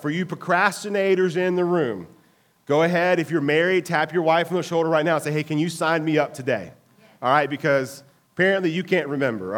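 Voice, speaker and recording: A man's voice: a little high, fairly bright tone. A man, a pastor giving announcements and a casual sermon in a church, sounding nasal from a cold and talking in a chatty, folksy way. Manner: folksy, chatty, frequent "all right?". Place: church sanctuary.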